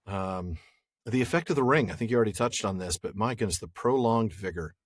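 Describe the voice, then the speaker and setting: A man's voice: fairly low pitch, expressive, brisk, no room sound, clean studio sound. A man co-hosting a podcast, chatting casually and joking with frequent laughter. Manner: jokey, laughs often. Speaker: podcast co-host. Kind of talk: casual chat.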